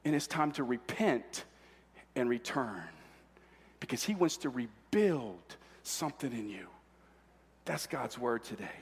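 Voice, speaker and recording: A male pastor preaching a sermon in a church, fervent and emphatic, swinging between hushed asides and shouting. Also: medium pitch, expressive, a little slow, pauses often, breathy edge. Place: large church. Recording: echoey church hall.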